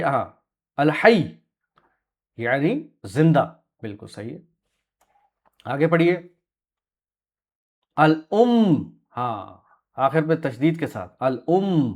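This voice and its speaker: A man teaching Quranic Arabic words to a class, patiently correcting pronunciation and confirming answers. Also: fairly high pitch. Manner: clears throat often, soft short confirmations. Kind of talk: classroom lesson with students.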